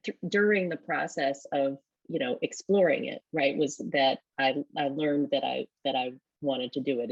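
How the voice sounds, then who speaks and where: A woman's voice: low-pitched, no echo, muffled recording. A woman leading a company, answering panel questions thoughtfully and often rephrasing as she goes. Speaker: company leader.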